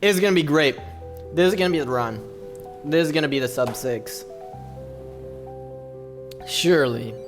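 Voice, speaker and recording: Over livestream headset audio, a man with a higher-pitched voice sets up a speedrun, chatting casually with viewers and himself at normal speed, with long pauses. He talks to himself while preparing and hypes himself up as music plays.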